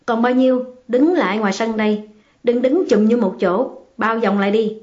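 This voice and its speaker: A woman's voice: mid-range voice, a little slow, a little mellow, lightly acted. A woman reading the part of a stern male village official who gives curt orders. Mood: commanding. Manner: curt, commanding. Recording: slightly muffled, faint music behind.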